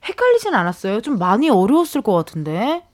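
A bubbly woman hosting a radio show, teasing her guest with quick reactions. Her voice sits a little high and swings widely, recorded dry and close in the studio. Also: wildly swooping pitch, dry recording. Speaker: radio host. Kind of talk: casual radio chat.

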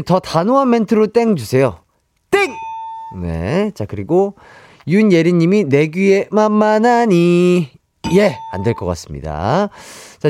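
A man's voice: high voice, mellow, a little hiss or hum. A man hosting a radio show, playfully reading out listener entries and acting some of them out. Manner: playful, reads out jokes and mimics them.

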